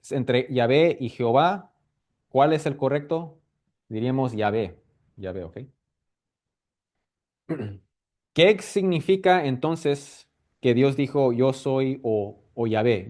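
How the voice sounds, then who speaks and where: A man's voice: medium pitch, darkish tone. A man teaching a casual Bible lesson, explaining step by step and checking in with his listeners often. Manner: explanatory, repeats himself with frequent "¿ok?" and "¿verdad?" checks; halting with restarts and fillers.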